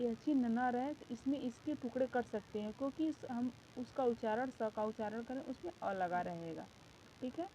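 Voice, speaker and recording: A woman's voice: a little high, mellow. A woman teacher giving a grammar lesson to schoolchildren, explaining patiently, counting out sounds and asking her class questions. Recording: slightly dull lo-fi sound with faint background noise.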